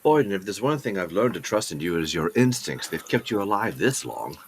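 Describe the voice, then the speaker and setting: Tabletop player, male, lowish voice, lively intonation, theatrical phrasing, slight noise behind. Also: a little fast. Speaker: tabletop role-playing player. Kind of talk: tabletop role-play, narrating and speaking in character.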